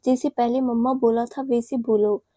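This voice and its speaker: A woman's voice: fairly high pitch, steady tone, moderate pace, mellow, no echo, studio quality, close to an everyday voice. A woman voicing a kindly, amused middle-aged mother talking to her son and future daughter-in-law in an audio story. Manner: kindly, indulgent.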